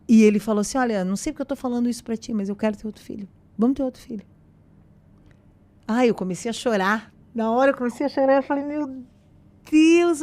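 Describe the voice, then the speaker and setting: A woman shares a personal faith testimony as a podcast guest. Her voice sits at a middling pitch with a soft, mellow tone. She tells the story casually and with animation, acting out the lines of the people she quotes. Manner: animated storyteller who acts out quoted dialogue.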